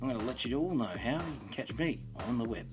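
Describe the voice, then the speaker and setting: A man's voice: mid-range voice, expressive, fast talker, loud music behind the voice. A man with an Australian accent hosting a solo podcast in an informal, matey, rambling way. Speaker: podcast host. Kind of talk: casual solo podcast monologue.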